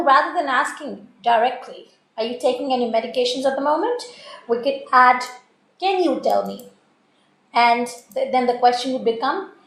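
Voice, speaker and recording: A woman's voice: fairly high pitch, roomy sound, poor audio. A woman teaching an exam prep lesson, explaining steadily with occasional fillers. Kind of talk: recorded lesson.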